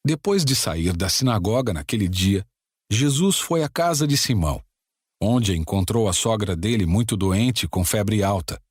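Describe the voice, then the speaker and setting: A man reading scripture narration in a calm, steady way. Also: fairly low pitch, measured pace, slightly rough, no room sound, clean studio sound. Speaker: Bible narrator.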